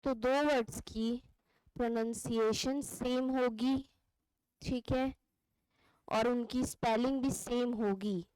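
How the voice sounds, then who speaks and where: A woman's voice: on the high side, steady tone, slow pace, pauses often, darkish tone, clean tone, no room sound, low-quality recording. A woman teaching an English lesson, asking questions and answering them herself. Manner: asks questions and answers them herself, ends points with "theek hai". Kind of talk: classroom lesson explaining grammar.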